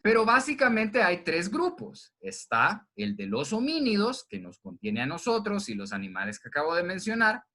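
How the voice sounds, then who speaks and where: A man's voice: high-pitched, huge pitch swings, normal speed, few pauses, sharp tone. Chatty man teaching a class. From Honduras. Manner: conversational, asks the class questions and answers them himself. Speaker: university zoology teacher. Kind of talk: recorded online class lecture. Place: indoors at home during heavy rain. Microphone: computer microphone.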